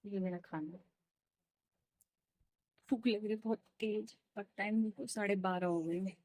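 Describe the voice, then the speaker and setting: A woman talking about her day as a mother in a casual home vlog, speaking quietly and rushing through it so her baby stays asleep. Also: mid-range voice, steady tone, dry recording, rough recording. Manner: quick, tired chatter, soft to keep baby asleep. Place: small bedroom at home.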